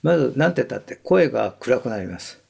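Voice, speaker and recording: A man calmly explaining breathing and what makes a good voice, step by step. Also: medium pitch, fast talker, vocal fry, slightly rough. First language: Japanese. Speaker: voice expert guest.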